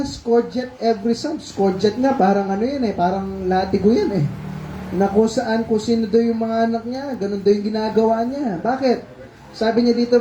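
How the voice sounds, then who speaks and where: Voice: mid-range voice, mellow, slight background noise. A preacher with a Filipino accent giving a conversational Taglish sermon, politely coaxing the congregation with questions and cues to read verses aloud. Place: church hall. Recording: dull, echoey church livestream audio.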